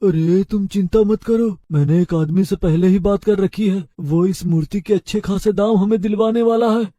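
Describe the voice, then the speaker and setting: Menacing cartoon thief, played by a man: loud, boastful and high-voiced. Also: moderate pace, no echo. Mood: scheming. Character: greedy, menacing male temple thief.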